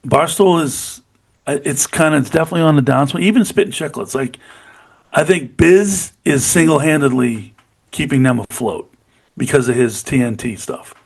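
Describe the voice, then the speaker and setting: With a creaky, slightly rough voice on the high side, this middle-aged co-host chats about golf at a moderate pace with lively intonation. His podcast talk is casual and eager, peppered with "you know what I mean."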